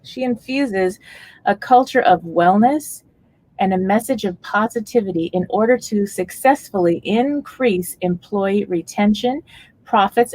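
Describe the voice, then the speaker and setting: A woman's voice: mid-range voice, a little mellow, no echo. A woman hosting a radio interview show, reading an upbeat introduction and asking her guest questions.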